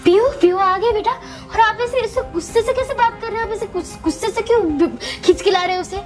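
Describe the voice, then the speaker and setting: A woman's voice: very high-pitched, fairly quick, music in the background. A woman playing a pleading worried mother. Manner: pleading, soothing, urgent. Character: worried pleading mother defending her small daughter. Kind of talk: doll-story role-play.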